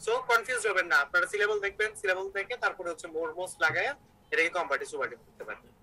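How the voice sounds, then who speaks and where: A man's voice: high voice, rapid-fire, pushed and bright, slight background noise, poor audio. A man teaching an online English grammar class, explaining step by step and asking his students questions.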